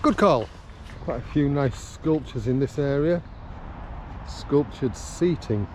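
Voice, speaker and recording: A travel vlogger with a gravelly, rough, mid-range voice talks casually and wryly through a day trip around a riverside town, slipping in small jokes. He speaks slowly in a darkish tone, partly outdoors and partly from a vehicle. The audio quality is poor, with street and traffic noise in the background.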